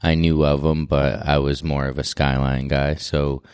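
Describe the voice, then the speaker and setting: A man's voice: rumbling low, flat delivery, moderate pace, darkish tone, smooth, no room sound. A man hosting a casual podcast chat, recorded in a garage.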